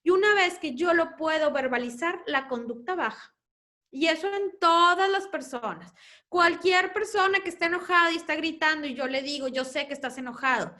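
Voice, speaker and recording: A woman's voice: very high-pitched, animated, moderate pace. A woman with a Mexican accent, a mother herself, explaining family topics to parents at a conference, sometimes acting out her children. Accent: Mexican Spanish. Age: adult parent. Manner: warm explanatory, acts out children's voices.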